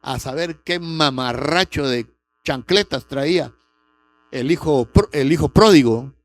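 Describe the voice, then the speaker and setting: A man's voice: a little high, unhurried. A middle-aged man, preaching a sermon with a personal testimony and rising sharply on key words. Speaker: pastor.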